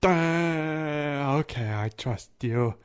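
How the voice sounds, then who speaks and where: A man voicing a timid, simple-minded male giant who drawls slowly. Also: fairly high pitch, clear, resonant tone. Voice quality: slow, dim "duh" drawl.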